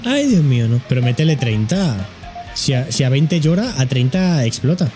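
A man with a Spain accent reacts to a video in a bouncy, animated voice that leaps up and down in pitch. He jokes, exclaims, and gives the objects he watches funny little voices. Music plays behind him. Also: moderate pace. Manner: jokey, exclaiming, voicing objects in funny asides. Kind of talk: casual reaction commentary.

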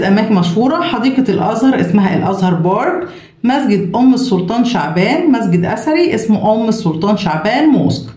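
A woman English teacher with an Egyptian Arabic accent. She reads each English word twice and gives its Arabic meaning at a steady pace. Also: on the high side, echoey room. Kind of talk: reading and translating vocabulary for students.

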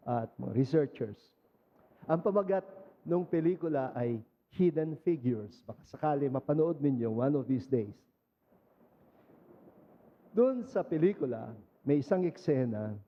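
Filipino priest giving a homily, slow and kinda high voice, muffled lo-fi sound. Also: male voice. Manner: conversational, animated storytelling with English mixed in. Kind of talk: Sunday homily. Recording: muffled lo-fi recording.

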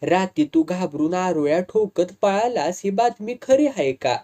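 A man plays a calm village elder in a storybook tale who soothes tempers and asks what happened. The voice is warm, mellow and a little high, with an even, questioning manner. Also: measured pace. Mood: soothing.

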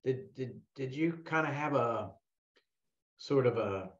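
A middle-aged man interviewing casually, haltingly rephrasing his questions as he goes, on a video call. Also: mid-range voice, lively intonation. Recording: dull, echoey video call audio.

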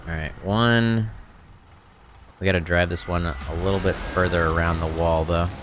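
A man in his thirties with a lowish voice talks through a video game as a streamer. He gives casual tips and running commentary on a close mic, with noticeable noise and ambience behind him. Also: steady tone, moderate pace. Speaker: game streamer and tutorial host. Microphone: close microphone on a boom arm.

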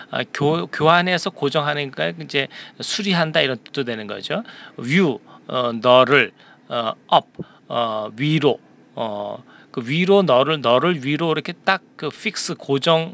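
A man teaching an English lesson, explaining sentences word by word and reading lines aloud slowly for students to repeat. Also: fairly high pitch, vocal fry, fairly bright tone. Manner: slow, deliberate English read-alouds for repeating.

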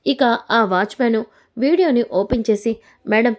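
A woman narrating a recap of a TV serial episode, retelling events in a steady, chaining way. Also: a little high, moderate pace.

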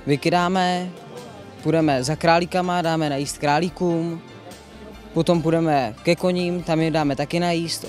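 A man's voice: on the high side, darkish tone. A teenage farm boy outdoors on a farm, plainly listing his daily chores in an interview. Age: teens. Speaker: farm family son. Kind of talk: interview answers.

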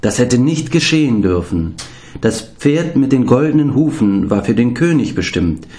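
A man reading a storybook, voicing a dignified male swan messenger who murmurs gravely and frets. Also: medium pitch, very animated, normal speed, warm tone, pitched above the performer's own voice, close to an everyday voice. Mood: grave, worried. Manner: solemn, fretting murmur.

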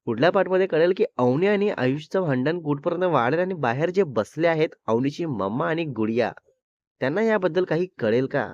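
Man, storyteller, steady scripted narration, dry, slightly lo-fi. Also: fairly high pitch, a little fast, dry recording. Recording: slightly dull lo-fi recording.

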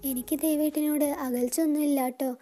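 A woman's voice: high voice, fairly even intonation, fast, warm tone, faint music behind, natural voice. A woman voicing a playful, affectionate young heroine in a storybook narration, with a sweet, coaxing manner.

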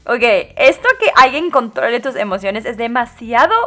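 A woman casually commenting on her gameplay, animated and dramatic, with frequent exclamations and giggles. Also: fairly high pitch, normal speed, soft background music. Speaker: host.

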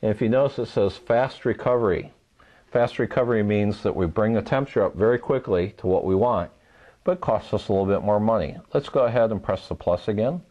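A man calmly walking through a step-by-step how-to demonstration, patient and methodical, repeating key points. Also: lowish voice, brisk, highs cut off. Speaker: home repair instructor.

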